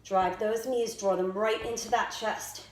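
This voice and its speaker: Her intonation fairly even and her pace measured, a woman with a medium-pitched voice coaches a workout as a fitness instructor, giving step-by-step directions and exercise cues. She's indoors by a staircase, and the room sounds echoey with faint noise.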